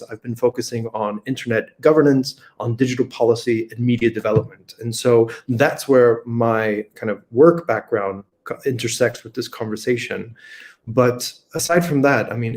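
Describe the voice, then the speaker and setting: A man's voice: medium pitch, a little mellow. Man from rural Kentucky thinking aloud. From rural Kentucky, USA. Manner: thinks aloud, many fillers and restarts. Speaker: guest. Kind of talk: unscripted conversational interview. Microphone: video call.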